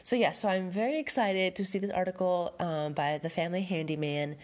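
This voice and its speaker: A middle-aged woman, a home stager hosting a home decorating podcast, chats casually on her own, rambling with lots of fillers while stuffed up from a head cold. Her voice is fairly low and a little mellow, with a steady tone and a slightly fast pace.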